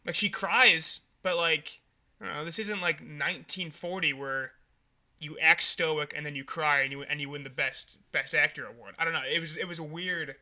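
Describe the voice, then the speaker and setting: A young man with a very bright, slightly high voice, talking through a movie review in loose, frank podcast chatter. He laughs easily and keeps it casual. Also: steady tone, normal speed. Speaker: podcast co-host.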